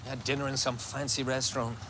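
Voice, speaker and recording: An actor playing a wry private detective who speaks in a dry, blunt way. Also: male voice, medium pitch, little pitch movement, quick pace, noisy background, lightly acted. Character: wry middle-aged male private detective.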